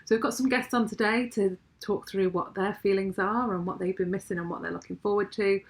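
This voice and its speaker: A woman's voice: mid-range voice, fairly even intonation, fairly quick, soft background music. Chatty woman co-hosting a podcast. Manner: thoughtful, chatty with fillers. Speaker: podcast co-host. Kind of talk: casual podcast chat.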